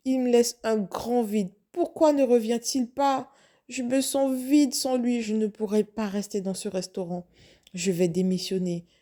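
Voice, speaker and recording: A woman's voice: fairly high pitch, dark tone, close to an everyday voice. A woman acting out a young, lovestruck waitress who panics and keeps questioning herself. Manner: breathless, flustered self-questioning. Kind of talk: first-person story acting.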